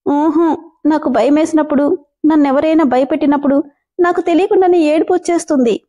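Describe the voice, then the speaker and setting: A woman's voice: high-pitched, brisk, mellow, pitched above the performer's own voice, close to an everyday voice. A woman voicing a timid young bride who pleads and apologizes through tears in a story reading. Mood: tearful.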